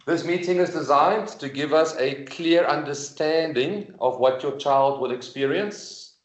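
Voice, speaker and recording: Male presenter, mid-pitched, conversational, explaining things informally on a video call from an echoey room. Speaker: presenter at a school information evening. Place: room with in-person attendees, streamed on a video call.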